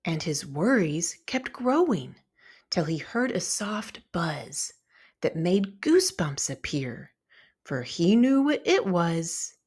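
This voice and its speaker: A woman with a medium-pitched voice reads a children's story aloud as a storybook reader, narrating in an expressive, deliberate style.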